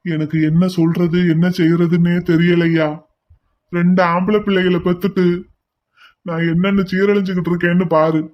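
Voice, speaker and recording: A man voicing a weary, defeated father of two grown sons in a cartoon, speaking slowly. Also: high voice, level tone, dull audio, natural voice. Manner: slow, defeated. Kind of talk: cartoon voice acting.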